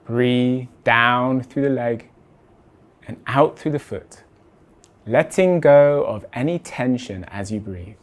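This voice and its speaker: Guiding listeners through a body scan meditation, this male speaker keeps his pitch in the middle range. His pacing is deliberate and controlled, with phrases that come to rest gently.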